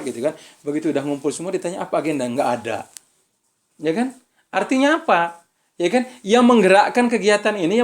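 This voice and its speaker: A man giving a relaxed religious study talk to students, speaking with an Indonesian accent and checking in with his listeners often. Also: high voice. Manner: conversational, keeps asking "ya kan?". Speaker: visiting preacher.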